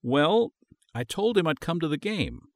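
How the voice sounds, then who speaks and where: A male narrator voicing a busy, distracted working wife, talking fast and apologetically. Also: a little high, sing-song, dry recording, clean studio sound, pitched above the performer's own voice. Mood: guilty. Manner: hurried, apologetic, breezy.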